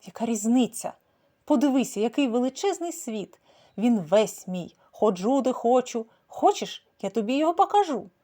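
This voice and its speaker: A scruffy ginger alley tomcat, put on by a woman reading a children's story. He talks loudly, with swagger and mock gallantry, his voice rising and falling in lively swings. It sounds like a storybook rascal showing off. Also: a little high, normal speed. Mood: boastful. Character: scruffy ginger male alley cat, brawler.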